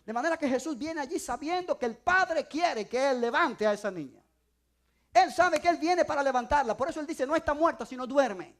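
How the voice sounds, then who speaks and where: A high-voiced woman preaching in a church with a lively, swooping pitch. She is emphatic and hammers key phrases again and again. Her voice builds to loud declarations. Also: fairly quick. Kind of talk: sermon.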